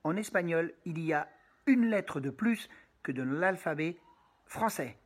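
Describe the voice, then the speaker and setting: Slow, husky woman teaching pronunciation. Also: on the low side, lively intonation. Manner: patient and explanatory, speaking directly to the student; repeats sounds slowly for the student. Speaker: Spanish teacher. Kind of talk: pronunciation lesson.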